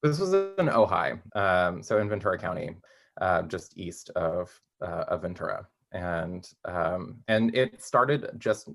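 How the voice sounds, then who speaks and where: A man's voice: low voice, sing-song, a little slow, vocal fry, a bit bright. A young adult man, a playwright guest in an interview, talking casually and rambling with many fillers. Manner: rambling, filler-heavy, laughs between thoughts.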